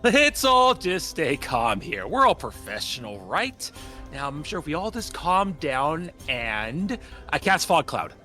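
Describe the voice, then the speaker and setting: Very animated, bright-voiced male player. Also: fairly high pitch, measured pace, soft background music. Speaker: tabletop game player. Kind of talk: playful casual game chat.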